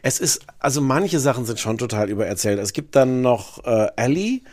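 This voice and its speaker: A man co-hosting a podcast, chatting in a dry, measured way about a TV series. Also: mid-range voice, animated, darkish tone. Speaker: podcast co-host. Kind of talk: casual chat reviewing a TV series.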